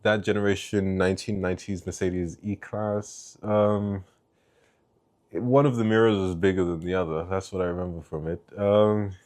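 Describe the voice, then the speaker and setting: A man's voice: low voice, fairly even intonation, normal speed, a little mellow. A young man from East Africa giving a casual, rambling tier-list review of family cars, with many fillers and restarts. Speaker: car reviewer.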